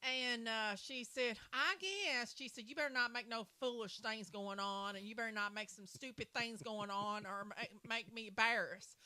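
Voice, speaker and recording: Rambling woman with a bright voice. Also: fairly high pitch, steady tone, moderate pace, hardly any pauses, clear, resonant tone. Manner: rambling, repeats "so anyway" and "and everything". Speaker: co-host telling a story. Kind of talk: casual storytelling.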